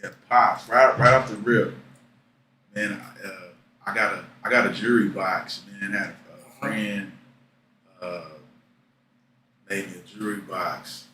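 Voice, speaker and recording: A man's voice: fairly low pitch, steady tone, measured pace, pauses often, sharp tone, reverberant, far from the mic, a little hiss or hum, poor audio. A man who just turned thirty-nine, a guest relaxedly telling stories in a casual interview chat. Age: 30s.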